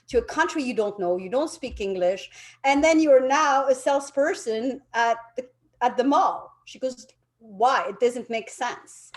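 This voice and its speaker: Woman, middle-aged, French accent, realtor guest; lively storyteller, mid pitch. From France. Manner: lively storytelling, quotes others animatedly. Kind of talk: casual interview.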